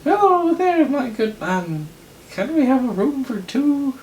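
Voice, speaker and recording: Man putting on a squeaky falsetto young guy, slight Irish twang, excitable, roomy echo. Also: takes it slowly, a little hiss or hum, exaggerated voice. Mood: shrill.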